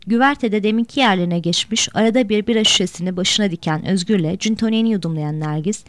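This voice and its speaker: A woman narrating a novel in a steady, measured reading voice. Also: mid-range voice, dry recording. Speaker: audiobook narrator. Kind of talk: storybook narration.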